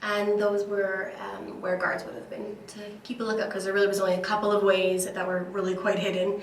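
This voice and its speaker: A woman's voice: mid-range voice, level tone, a little fast, far from the mic, slight background noise. A woman vlogging in a casual, chatty way as she walks through narrow cave tunnels, explaining what she learned, her voice echoing off the rock. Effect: cave echo. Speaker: travel vlogger. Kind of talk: casual travel vlog chat. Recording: echoey cave with people around.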